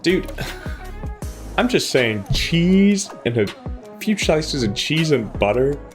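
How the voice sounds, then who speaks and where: Reading a visual novel aloud for a let's play, this gaming video host keeps cutting in with playful asides over background game music. His fairly high voice swings widely in pitch and moves slowly.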